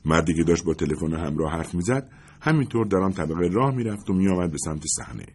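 A man narrating a first-person story in a measured, suspenseful way, husky-voiced. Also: low voice, lively intonation, a little mellow. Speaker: audiobook narrator.

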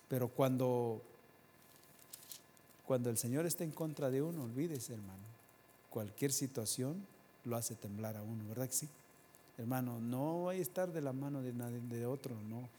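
A man delivering a sermon in a plain, middle-pitched voice, talking with the congregation and now and then pushing to loud, emphatic peaks. His words ring out with a long reverb, as in a large church hall. A faint noise sits under the recording. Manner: conversational preaching, rising to loud emphatic peaks, asks the congregation questions. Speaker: preacher.

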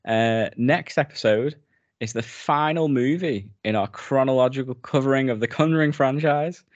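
A man's voice: mid-range voice, normal speed, no room sound, dull audio. A British man co-hosting a podcast in casual chat, laughing often as he wraps up the episode. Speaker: podcast co-host.

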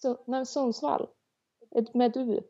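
Gravelly-voiced woman podcast co-host. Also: a little high, fairly even intonation, mellow, muffled recording. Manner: joking, swears casually. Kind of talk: casual chat.

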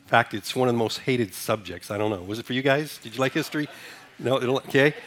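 A Sudanese pastor preaches to his congregation in a relaxed, conversational way, asking them questions before leading a line-by-line responsive reading. His voice is mid-range and a bit bright, and he talks quickly.

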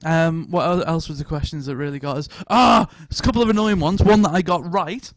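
A man's voice: fairly high pitch, fairly quick, no room sound. A man hosting a podcast, telling jokey, rambling anecdotes in casual chat. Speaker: podcast host.

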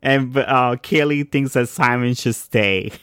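A man's voice: mid-range voice, measured pace, fairly bright tone, clear, resonant tone, dry recording, clean studio sound. A man co-hosting a casual episode recap, summarizing scenes and laughing often. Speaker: podcast co-host.

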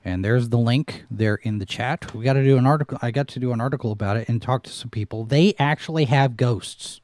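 Using a headset microphone with headphones, a mellow-voiced man hosts a chatty, casual livestream. He talks a little fast in a mid-range voice, rambling with plenty of restarts and fillers, and there's no echo.

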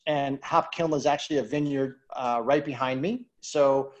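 A man's voice: medium pitch, fairly even intonation, normal speed, muffled recording. A man hosting a virtual wine tasting over a video call, chatting in a rambling way and repeating words as he looks for what to say. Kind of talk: interview chat.

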